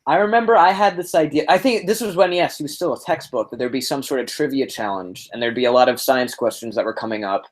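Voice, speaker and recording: A man who helped create an animated show, talking excitably and acting out little quotes. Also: medium pitch, quick pace, few pauses. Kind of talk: casual podcast chat.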